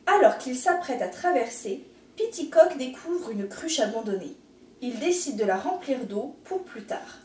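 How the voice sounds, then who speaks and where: A woman teacher reading a picture book aloud in an expressive, gentle storytelling manner, in an echoey room. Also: high-pitched, measured pace, distant mic, a little hiss or hum.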